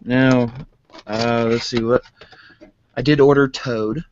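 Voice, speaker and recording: Man, monotone, casual unboxing vlogger, rambles with fillers, dull lo-fi sound. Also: mid-range voice, takes it slowly, a little hiss or hum. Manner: rambling, many fillers, calls own voice monotone.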